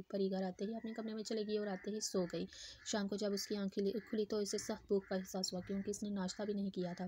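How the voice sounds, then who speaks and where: A woman's voice: medium pitch, dark tone, slightly rough. Woman reading a romance novel aloud. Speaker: novel reader.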